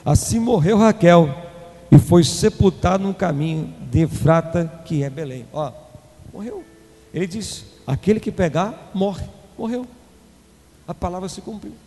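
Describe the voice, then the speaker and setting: A man with a Brazilian Portuguese accent preaching a sermon as an apostle, swinging between loud declaiming and quick low asides to the congregation. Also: expressive, faint music behind. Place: church hall. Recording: long hall reverb, faint room noise.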